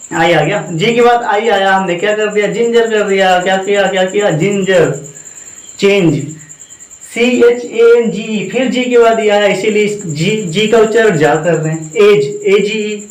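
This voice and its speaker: A man's voice: sits high, roomy sound, rough recording. A man teaching a classroom lesson, who keeps quizzing with repeated questions and answers them himself. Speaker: English teacher.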